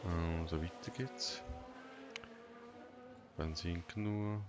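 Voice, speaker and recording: Brief: deep, gravelly male gamer, flat emotionless monotone, game audio clearly underneath. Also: takes it slowly, noisy background. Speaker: gamer playing a racing manager game. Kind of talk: let's play commentary.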